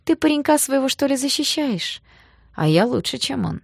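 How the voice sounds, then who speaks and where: A woman voicing a brash, leering young male street thug with a slow mocking drawl. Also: high-pitched, big pitch swings, vocal fry, husky, dry recording, studio quality, voice pushed up, exaggerated voice.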